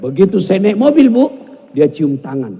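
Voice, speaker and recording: A man delivers a humorous sermon at a public gathering, teasing and addressing his listeners directly. His voice sits high. It carries a long, echoing reverb from a large hall. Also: sing-song, moderate pace, dark tone. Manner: joking, addresses the audience directly. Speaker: preacher.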